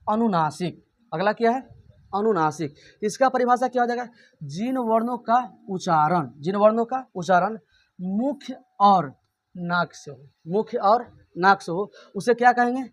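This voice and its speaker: A man teaching a grammar lesson. He keeps asking and answering his own questions and repeats every point. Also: high voice.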